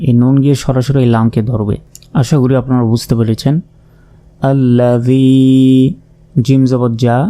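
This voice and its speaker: A man's voice: medium pitch, mellow. A man teaching Quran recitation, spelling out Arabic words letter by letter and explaining pronunciation rules patiently and methodically.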